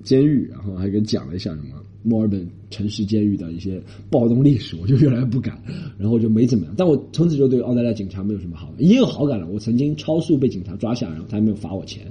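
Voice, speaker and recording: A man from Shanghai telling a story in a casual monologue, animated, indignant and rambling. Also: on the low side, rapid-fire, few pauses. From Shanghai, China. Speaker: podcast host. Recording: dull lo-fi recording.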